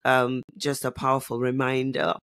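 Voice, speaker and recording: A man's voice: medium pitch, monotone, moderate pace, a bit bright, no echo. Guy hosting a podcast, upbeat, keeps saying yeah and love it, dry close mic. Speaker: podcast host. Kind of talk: podcast interview.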